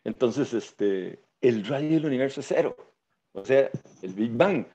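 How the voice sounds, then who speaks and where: Man, Costa Rican accent, casual science lecture, gravelly voice, muffled lo-fi recording. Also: medium pitch, animated, measured pace, mellow. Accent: Costa Rican Spanish. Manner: tags sentences with "verdad?", many "este" fillers. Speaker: guest lecturer.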